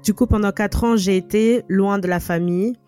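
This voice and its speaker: A woman in her twenties from Burkina Faso, a podcast guest talking in a relaxed, easy conversational way and thinking aloud. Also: mid-range voice, moderate pace, soft background music. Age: 20s. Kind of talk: conversational interview.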